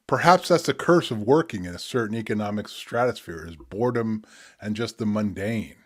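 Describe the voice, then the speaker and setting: A man's voice: lowish voice, animated, moderate pace. A man in his sixties talking reflectively to an audience, conversational and explanatory, as a poet presenting his work.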